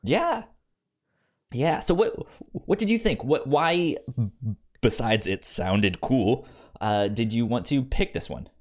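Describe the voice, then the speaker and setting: In this casual book discussion, a male podcast co-host often backtracks and repeats himself as he talks. He speaks slowly and expressively at a medium pitch.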